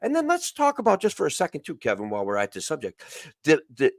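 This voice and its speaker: Animated man riffing on politics. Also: fairly high pitch, quick pace, dry recording, studio quality. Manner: animated, colorful and dramatic phrasing. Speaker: podcast host. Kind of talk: casual political chat.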